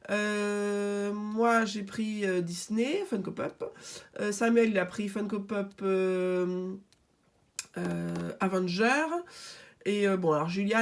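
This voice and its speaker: A woman vlogger chatting casually while unboxing small toys, hesitant and full of filler sounds, joking about herself, recorded close on a phone at home. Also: medium pitch. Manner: self-deprecating, playful. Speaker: family channel vlogger. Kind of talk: casual toy unboxing chat. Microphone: phone filming close up.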